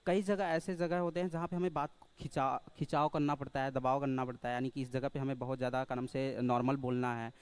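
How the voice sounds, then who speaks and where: A man's voice: medium pitch, clean tone, dry recording. A man teaching a spoken lesson, hesitant and full of filler sounds, who keeps checking in with the class and calls his listeners brother. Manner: checks in often with rhetorical questions, addresses listeners as brother. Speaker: English teacher.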